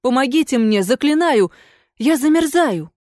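A woman's voice: expressive, normal speed, darkish tone, dry recording, studio quality, natural voice. A woman voicing a ghostly lady of an old manor who turns from haughty to desperate and imploring in a read-aloud story. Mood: pleading. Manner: shrill and imploring. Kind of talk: audiobook character voice.

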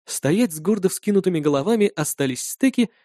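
Guy reading a fantasy audiobook, dark mellow voice, dry close sound. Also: high voice, lively intonation, a little fast, dry recording. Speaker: audiobook narrator. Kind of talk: first-person fantasy narration.

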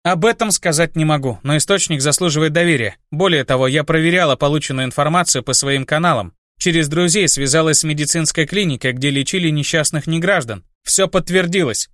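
A man's voice: on the high side, a little fast, hardly any pauses, fairly bright tone, no room sound, clean studio sound, natural voice. A man reading an audiobook, voicing a female livestream celebrity who makes an urgent public announcement. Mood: confiding. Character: female livestream celebrity reporter, earnest and grave.

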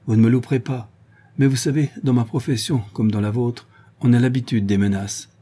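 A man's voice: mid-range voice, fairly even intonation, brisk, mellow, breathy edge, lightly acted. A man voicing a cold, tense male police inspector who gives curt, commanding orders in an audiobook.

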